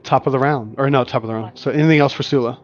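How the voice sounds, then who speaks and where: A man's voice: medium pitch, steady tone, rapid-fire. A man narrating as game master in a livestreamed tabletop game, describing scenes with frequent restarts and fillers. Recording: lo-fi stream audio with faint music.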